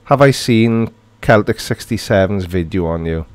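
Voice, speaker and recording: A middle-aged Welshman with a Welsh accent hosts a livestream, chatting casually and reading viewer comments aloud. His fairly low, slightly mellow voice moves at normal speed, and the recording is dry.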